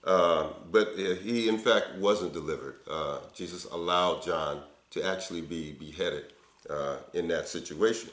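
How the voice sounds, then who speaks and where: Older pastor with a low voice. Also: male voice, measured pace, fairly bright tone, reverberant. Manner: earnest, conversational preaching with frequent uh fillers. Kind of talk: sermon. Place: indoor office before window blinds.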